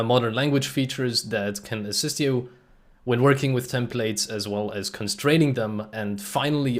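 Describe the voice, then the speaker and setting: A man from Germany hosting a live-streamed technical presentation, explaining in a casual way with frequent "uh" fillers and remarks to the chat. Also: mid-range voice. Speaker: host and presenter.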